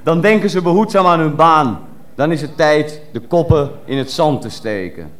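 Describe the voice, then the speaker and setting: A man's voice: on the high side, lively intonation, normal speed. A man reciting a poem in a declamatory, rhythmic way. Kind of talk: poetry recital.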